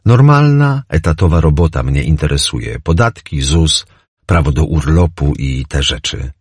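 A man's voice: extremely low pitch, lively intonation, normal speed, husky, no echo, studio quality, exaggerated voice. A man doing an earnest, reserved job seeker. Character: reserved young man seeking steady work.

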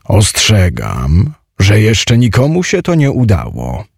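A man voicing a gloomy, sorrowful giant who guards a treasure, speaking in a slow, mournful, drawn-out way in an audiobook. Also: on the low side, huge pitch swings, vocal fry, darkish tone, slightly rough, no echo, studio quality, heavily acted. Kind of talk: audiobook character voice.

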